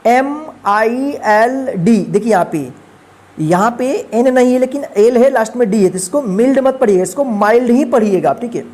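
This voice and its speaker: A woman's voice: a little high, expressive, brisk, mellow. A woman teaching English pronunciation rules, spelling words letter by letter and repeating them patiently. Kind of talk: phonics lesson.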